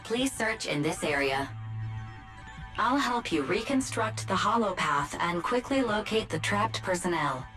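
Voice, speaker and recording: A woman voicing a calm, gentle female rescue AI assistant in a video game, politely announcing readouts in an even manner. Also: medium pitch, a little slow. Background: game music.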